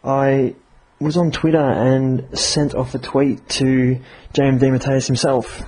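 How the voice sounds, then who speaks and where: A man casually reviewing a comic on his podcast, chatty and halting with many fillers. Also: medium pitch, flat delivery, a little mellow, rough recording. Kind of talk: casual review and story reading.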